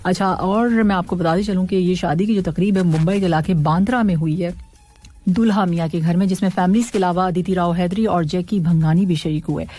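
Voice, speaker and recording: A woman's voice: lowish voice, a little fast, mellow, soft background music. A woman hosting an evening radio show, chatting casually, reading listener messages and poetry, and laughing often.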